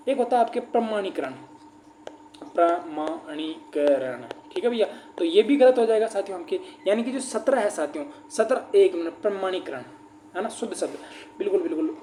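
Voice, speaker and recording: A man's voice: high voice, brisk, warm tone. Man teaching with roomy echo. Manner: repetitive, keeps asking the class rhetorical questions; addresses listeners as friends and brother. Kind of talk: exam-prep grammar class. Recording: roomy echo, faint background noise.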